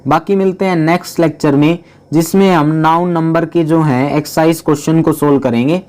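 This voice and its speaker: A man's voice: a little high, steady tone, a little mellow, clear, resonant tone. A man teaching a grammar lesson, patiently explaining and often checking in with his students. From India. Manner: mixes in English terms, reads English lines slowly.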